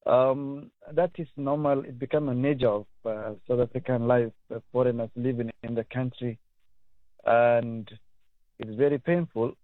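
A man's voice: medium pitch, steady tone, normal speed, no room sound. Man, radio caller, earnest and plain, tinny phone line, dry. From Somalia. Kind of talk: radio call-in.

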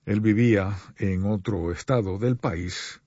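A man preaching a sermon to radio listeners, earnest and pleading, with slow deliberate pauses. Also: lowish voice, warm tone, dry recording, dull audio.

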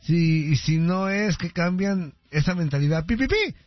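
A man's voice: sits high, expressive, normal speed, dry recording. A Mexican man hosting a call-in radio show, reading listener messages with joking, teasing banter. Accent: Mexican Spanish. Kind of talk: casual call-in radio chat. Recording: dull, dry radio sound.

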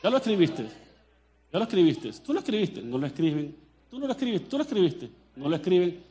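This high-pitched Colombian pastor preaches briskly, keeping his sermon lively and animated. He cracks jokes and talks straight to the people in the pews.

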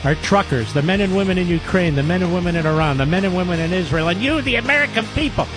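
Older guy running a call-in radio show, punchy delivery, kinda high pitched. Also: expressive, quick pace, music in the background. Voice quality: emphatic, forceful delivery. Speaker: radio talk show host.

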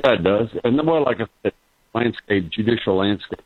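A fairly low-pitched man heard over a buzzy, glitchy call that breaks up. The line is tinny and narrow, with no room around the voice. He talks in halting bursts, full of restarts and "uh"s. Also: lively intonation, no echo. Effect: buzzy, glitchy phone call that breaks up. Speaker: guest on a radio call-in talk show. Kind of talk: opinionated talk-show commentary. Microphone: phone call. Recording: dry, tinny phone line.

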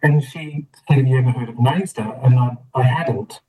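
This middle-aged Australian guest speaks at a normal speed in a warm, husky, medium-pitched voice, though the audio is poor. Reflecting on his story in a casual interview, he laughs occasionally and restarts often.

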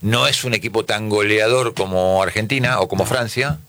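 A man's voice: lowish voice, normal speed, bright, forceful tone, no echo. A man with a Rioplatense Spanish accent hosting a casual football chat, asking questions and often repeating his words. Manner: asks questions, repeats words, fills with "este". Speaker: host. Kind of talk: casual sports panel chat.

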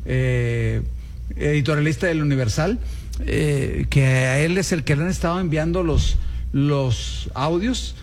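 A man with a Mexican accent hosting a political news show, talking in a wry, conversational, somewhat halting way. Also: a little high, darkish tone, slight background noise. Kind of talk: casual political news commentary.

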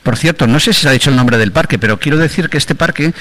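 A man from Galicia, a journalist, talking in a lively way in a round-table chat. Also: medium pitch, quick pace. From Galicia, Spain. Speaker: journalist guest.

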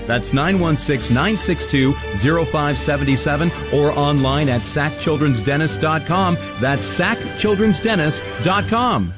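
A man reading a cheerful radio ad in a promotional manner. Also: on the high side. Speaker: ad announcer. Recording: voice over music bed.

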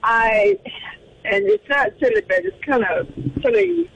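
A woman caller talking through her car's hands-free speakerphone over a phone line, a little halting and self-conscious as she asks her question. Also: sits high, very animated, creaky. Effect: car hands-free speakerphone heard over a phone line. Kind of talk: call-in question to a radio show. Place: in a parked car in a garage. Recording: dull phone line with faint noise, from far off.

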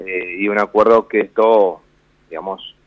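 Speaking unhurriedly in a lowish voice with fairly even intonation, this Buenos Aires radio commentator discusses finance, often restarting and leaning on fillers. His Rioplatense accent carries a slight northern Argentine lilt, and the sound is dry and phone-like.

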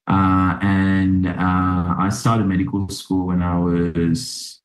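A man's voice: deep voice, completely flat delivery, takes it slowly. A man in his thirties from Sri Lanka, a doctor and podcast guest, speaking reflectively in conversation. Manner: reflective, with many fillers and restarts. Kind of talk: interview conversation. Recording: roomy echo.

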